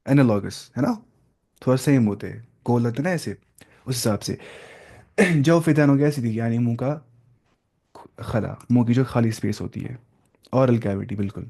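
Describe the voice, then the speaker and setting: A young man gives a relaxed classroom lesson on recitation. He explains step by step, asks his listeners questions and sounds out each letter to show how it should be said. His pitch sits in an ordinary middle range. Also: gravelly, pauses often. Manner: explains step by step with questions and demonstrations, mixing in English words. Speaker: Quran recitation teacher.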